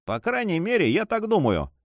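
A man voicing a haughty, cold and impatient male nobleman in an audiobook reading, pitched higher than his narration. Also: huge pitch swings, moderate pace, creaky, no room sound, studio quality, exaggerated voice.

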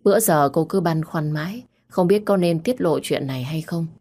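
Low-voiced woman narrating a romance story. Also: moderate pace. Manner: even, storytelling. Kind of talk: scripted audiobook narration.

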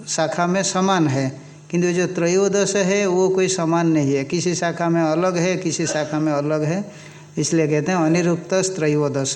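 A man giving a scriptural lecture, reciting Sanskrit verses and explaining them slowly and deliberately. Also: fairly high pitch, darkish tone. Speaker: teacher expounding an Upanishad.

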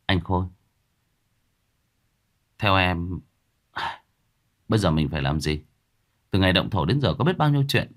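A man's voice: low voice, very animated, a little slow, pauses often. A man voicing an uneasy young worker in a ghost story, speaking hesitantly.

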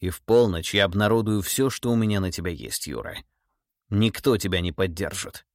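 A man voicing a stern, cold middle-aged tsar in an audiobook, speaking in a measured, menacing, authoritative way. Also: sits low, dry recording, clean studio sound. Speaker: monarch interrogating a relative. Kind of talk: audiobook character voice.

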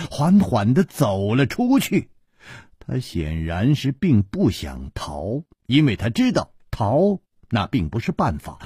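A man's voice: medium pitch, warm tone, breathy edge, dry recording, studio quality. A man narrating a martial arts tale in a vivid, dramatic traditional storytelling style. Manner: vivid, dramatic, acting out scenes.

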